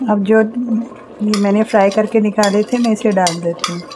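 Warm-voiced woman explaining a home recipe. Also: mid-range voice, moderate pace, slight background noise. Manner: calm, step-by-step explaining. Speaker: cooking channel host. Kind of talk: home cooking demonstration. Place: home kitchen.

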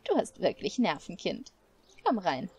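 A woman voicing a stern, protective elderly woman in a game, speaking slowly and gravely. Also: fairly low pitch, huge pitch swings, a little mellow, full character voice. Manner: stern, scolding, slow and weighty. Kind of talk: game dialogue read aloud. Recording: faint music behind.

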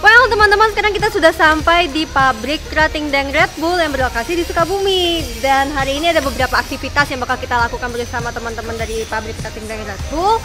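A woman's voice: high-pitched, fast talker, hardly any pauses. A young woman hosting an event vlog in a bubbly way, mixing English words into her speech. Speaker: event host. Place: outdoors and in a factory hall. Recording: loud music and crowd behind.

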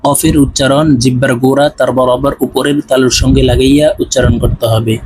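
A man from Bangladesh with a Bangladeshi Bengali accent, teaching Quran reading in a slow, drilled recitation lesson. He chants each syllable and repeats it twice. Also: mid-range voice, steady tone, a little mellow, husky, no echo, rough recording.

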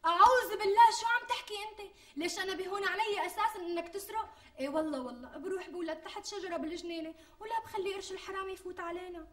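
A woman's voice: very high voice, racing. An actress playing a greedy young wife with a Damascene Syrian accent, coaxing and guilt-tripping her fiancé in a TV sitcom. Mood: indignant. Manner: wheedling, guilt-tripping, indignant bursts. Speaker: scheming bride-to-be. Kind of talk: TV sitcom acting. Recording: distant mic with faint music.

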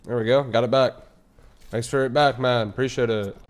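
A man chattering loudly and cursing while playing a shooter game. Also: medium pitch, fairly even intonation, moderate pace, noisy background. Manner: loud, swearing, hyped. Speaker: gamer. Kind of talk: casual gameplay chatter.

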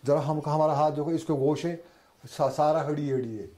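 A man in his seventies with a Kashmiri accent, a shopkeeper giving news interview testimony in a halting, repetitive, plain-spoken way. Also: fairly high pitch, steady tone, dark tone. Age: 70s. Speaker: shopkeeper telling of his injury.

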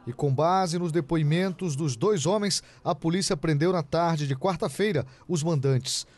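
A man's voice: fairly high pitch, a little mellow, no room sound. A male TV news reporter narrating a crime story and pressing suspects with questions. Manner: brisk, pressing interviewer.

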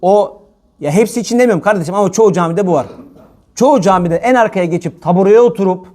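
A man's voice: sits high, fast. A man preaching a religious talk, casual and scolding, addressing listeners like brothers. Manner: animated and colloquial, scolding, calls listeners brother.

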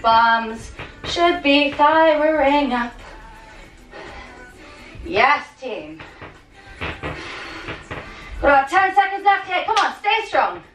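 High-pitched, very animated and a bit bright, her voice stretches out words and pauses often as this young woman leads a home workout. She motivates with punchy commands, countdowns and cheering. Recorded by a camera a few metres off in a small living and dining room, the audio is roomy and distant over background music.

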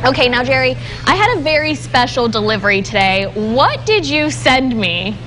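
High-voiced chatty woman TV host. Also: sing-song, moderate pace, a bit bright, slight background noise. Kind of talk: upbeat live interview. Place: TV studio.

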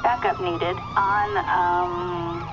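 An actress voicing a calm police dispatcher over the radio, reading out halting call-outs and phonetic codes in a measured way. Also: female voice, fairly low pitch. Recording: muffled radio with loud siren noise.

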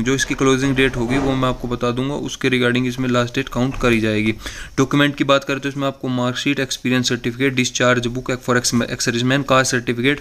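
A young man talks in a level, flat voice while going through a job notice in a relaxed explainer style. He slows down and falters whenever he reads English text aloud. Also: mid-range voice. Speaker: job news channel host. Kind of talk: casual explainer over a document. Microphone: voice-over to a screen recording.

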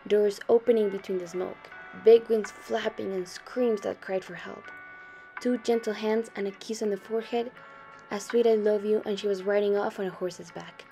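Young woman reading a story out loud, mellow voice, quiet music in the back. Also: mid-range voice, fairly even intonation, normal speed. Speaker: student reader. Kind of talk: reading a short story aloud.

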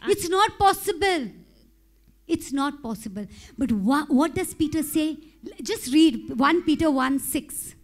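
High-voiced woman preaching a fervent sermon. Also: animated, unhurried. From India. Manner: impassioned, rising to shouted prayer. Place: church stage with pink backdrop. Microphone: handheld mic.

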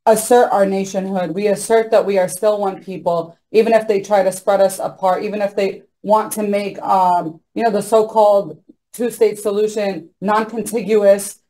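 A woman's voice: mid-range voice, steady tone, normal speed, mellow, rough recording. A young woman speaking as a panelist on a video call from a small room, earnest and insistent, with many ums and you-knows. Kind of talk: impassioned panel talk. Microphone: laptop mic on a video call.

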